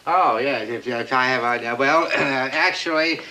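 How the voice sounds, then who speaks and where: An actor playing a pompous, self-important American navy captain in a sitcom, fussy and snappish, stammering when flustered. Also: male voice, mid-range voice, a little slow, close to an everyday voice. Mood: flustered boasting. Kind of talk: 1960s TV sitcom acting. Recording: noisy old television soundtrack.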